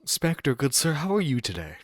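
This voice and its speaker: A man's voice: a little high, sing-song, normal speed, dry recording, clean studio sound. A man in his twenties hosting a casual internet radio stream, rambling and joking. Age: 20s. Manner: rambling, joking, mocking impressions.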